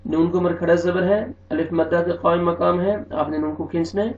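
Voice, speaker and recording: A man teaching tajweed, slowly drawing out recited words and then explaining the pronunciation rules more plainly. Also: fairly high pitch, fairly even intonation, darkish tone. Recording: echoey, distant, dull recording.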